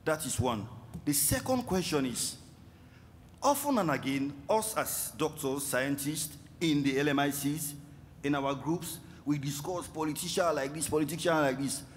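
A man's voice: a little high, moderate pace, slight background noise. A man from the audience earnestly asking a conference panel a two-part question in a large hall. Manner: earnest, pleading. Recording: reverberant hall, faint ambience.

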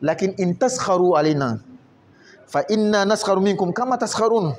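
A man in a teaching role, talking in a slightly high voice. He reads a passage, then explains it patiently and keeps asking quick questions to check that the listener follows. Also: a little hiss or hum. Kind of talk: reading aloud and explaining a story lesson.

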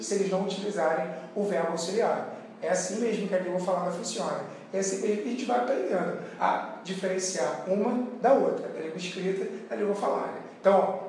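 A man's voice: high voice, darkish tone, a little hiss or hum. Brazilian man teaching in an echoey room. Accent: Brazilian Portuguese. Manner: chatty, explanatory, checks in with the viewer. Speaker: English teacher. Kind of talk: casual video lesson. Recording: very echoey room, far from the mic.

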